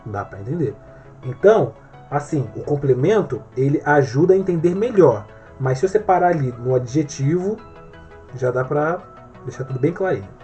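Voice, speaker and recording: A man's voice: fairly high pitch, lively intonation, normal speed, warm tone, faint music behind. A male English teacher giving an online grammar lesson in Portuguese, explaining step by step and often checking that the viewer is following.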